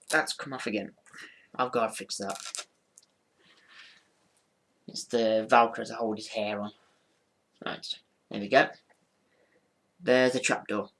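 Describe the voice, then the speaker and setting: A man's voice: mid-range voice, takes it slowly, pauses often, fairly bright tone. A man giving an informal hands-on explanation in a rambling, matter-of-fact way, often repeating himself. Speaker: ventriloquist presenting his figure.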